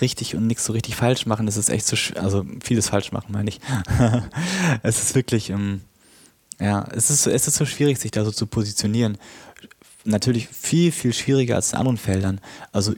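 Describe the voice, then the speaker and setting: A man talking casually in a discussion, halting and rephrasing as he goes. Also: on the low side, a little mellow, slightly rough.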